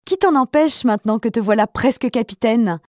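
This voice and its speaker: A woman's voice: fairly high pitch, expressive, fairly quick, no echo, clean studio sound, lightly acted. A woman voicing a sly, envious male neighbor in his twenties who talks in a prying, overfamiliar way.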